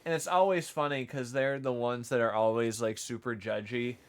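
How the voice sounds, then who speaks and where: A man's voice: mid-range voice, steady tone, moderate pace. A young man streaming as a vtuber, chatting casually while gaming, rambling with self-deprecating asides.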